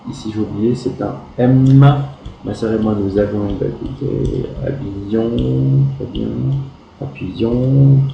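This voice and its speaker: A schoolteacher, a man, works through his pupils' exercises, spelling out verb endings letter by letter with patient, gentle praise. His voice is low, very dark and gravelly, and his delivery is slow. He sounds like he is in an echoey room with a faint hum of background noise. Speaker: primary school teacher. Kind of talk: correcting pupils' written exercises aloud.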